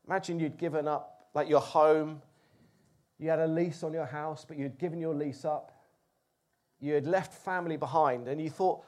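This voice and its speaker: Male preacher, high-pitched, expressive sermon storytelling. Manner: expressive, animated, with rising emphasis.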